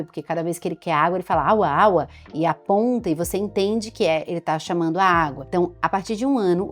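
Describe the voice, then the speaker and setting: Chatty Brazilian woman doctor explaining. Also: fairly low pitch. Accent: Brazilian Portuguese. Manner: chatty, warm explainer, imitates baby sounds and baby talk. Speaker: doctor giving parenting advice. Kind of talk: explanatory talk to camera.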